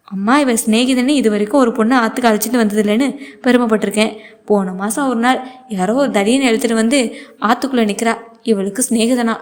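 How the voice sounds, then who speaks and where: Woman narrator doing an anxious older mother, complaining storybook monologue, slightly high voice. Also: a little mellow, close to an everyday voice. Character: worried older mother lamenting her daughter.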